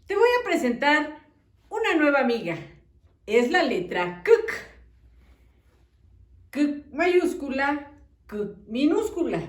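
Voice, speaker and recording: A woman teaching a children's phonics lesson, sounding out letters in a slow, encouraging, sing-song way. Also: high-pitched. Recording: echoey room.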